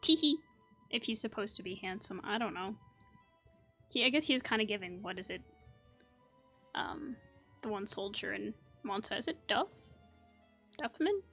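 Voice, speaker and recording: A woman's voice: medium pitch, animated, normal speed, long pauses, a bit bright, breathy edge, soft background music. A woman casually commenting while playing a video game, playful and giggly with joking asides, game audio behind her. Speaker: gaming streamer. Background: game soundtrack.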